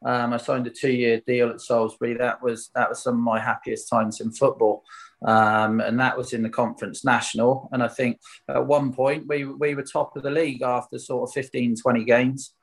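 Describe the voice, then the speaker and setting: A man's voice: medium pitch, flat delivery, moderate pace, breathy edge. A man from Swindon with a Wiltshire accent, a former footballer telling stories in a casual interview, candid, colloquial and questioning himself. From Swindon, England. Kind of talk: casual anecdotal interview chat.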